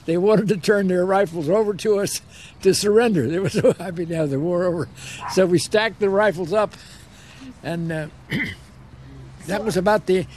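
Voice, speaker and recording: A slight hiss or hum accompanies the high-sitting, darkish voice of an elderly American man, 80s or older, recalling his time as a soldier in an interview. He speaks at normal speed, telling it without hurry and repeating words for emphasis.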